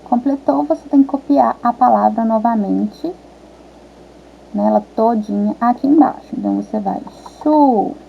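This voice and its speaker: A woman primary school teacher, patiently walking young children through a worksheet and sounding out syllables slowly. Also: a little high, gravelly, a little hiss or hum. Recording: tinny phone-quality audio.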